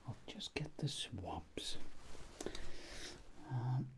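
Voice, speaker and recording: This ASMR roleplay features a man whispering softly and breathily as a courteous, comforting ear examiner. His medium-pitched voice is expressive, and he speaks very slowly and gently.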